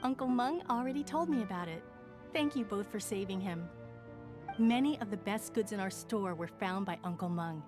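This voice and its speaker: A woman voicing a polite, gentle young female shop owner in a game cutscene. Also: medium pitch, normal speed, over music, close to an everyday voice. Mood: gracious.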